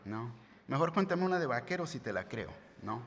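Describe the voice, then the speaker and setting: A man's voice: mid-range voice, sing-song, moderate pace, fairly bright tone. A man, preaching a sermon as pastor in a conversational way, often asking "right?". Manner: conversational preaching with tag questions. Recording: long hall reverb.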